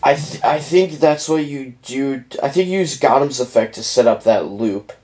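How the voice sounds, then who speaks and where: A man's voice: medium pitch, moderate pace, darkish tone, husky. A young man giving a casual, rambling deck profile to his channel, yawning as he goes. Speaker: YouTuber presenting a card deck.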